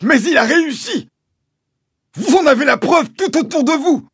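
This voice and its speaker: A furious, pompous country landowner. He shrieks high and loud, jabbing out every word. The reading is dry and close. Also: expressive, normal speed, dry recording, full character voice. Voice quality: shrill, shouting. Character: furious pompous rich landowner, shrill and shouting.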